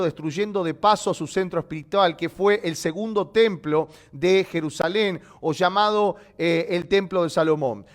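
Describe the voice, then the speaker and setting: A man with a high voice teaches a live online Bible lesson. He explains patiently and stops often to check that his listeners follow.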